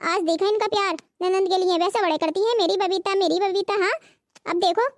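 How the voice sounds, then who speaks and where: A whiny young cartoon college girl, voiced by a woman, always nagging for money and sulking when she is refused. Her voice is very high and squeaky, recorded dry and close. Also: fairly even intonation, fairly quick, no echo. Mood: sulky. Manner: whiny, sulky. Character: young college-going sister-in-law, sulky and demanding. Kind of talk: cartoon voice acting.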